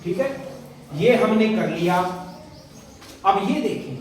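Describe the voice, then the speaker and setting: A man's voice: high-pitched, animated, takes it slowly. A man teaching young pupils in a classroom, asking questions and repeating the answers back to them. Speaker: primary school teacher. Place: school classroom. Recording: very echoey classroom, far from mic, noisy.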